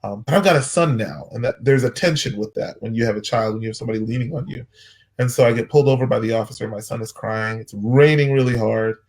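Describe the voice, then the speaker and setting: A man in his thirties, a pastor, telling a personal story in an earnest, halting way with many restarts. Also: medium pitch, a little mellow. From United States.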